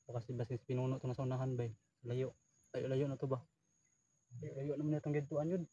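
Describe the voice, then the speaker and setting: A man chatting casually outdoors on a mountain, measured and repeating himself as he thinks. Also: medium pitch, flat delivery, warm tone, slightly rough. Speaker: vlogger on a jungle outing. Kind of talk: casual chat among friends. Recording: distant, dull lo-fi outdoor mic.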